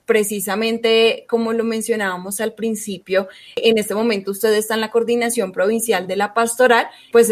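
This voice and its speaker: A woman interviewing a religious sister, asking long, polite questions with formal address. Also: on the high side.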